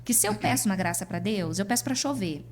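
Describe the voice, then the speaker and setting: A Brazilian woman, a podcast guest, telling a personal story in a lively way and acting out what people said. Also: medium pitch, fast, crowd noise. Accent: Brazilian Portuguese. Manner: lively, acts out dialogue in her stories. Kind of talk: personal storytelling in casual chat.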